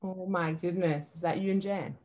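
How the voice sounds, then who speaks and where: A woman's voice: lowish voice, steady tone, moderate pace, darkish tone. A woman hosting a casual chat, asking short, curious questions of her guest. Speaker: host.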